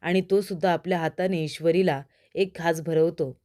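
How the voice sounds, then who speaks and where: Mellow-voiced woman narrating a serial recap. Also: on the low side, normal speed. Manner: addresses viewers directly, steady retelling. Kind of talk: scripted storytelling narration.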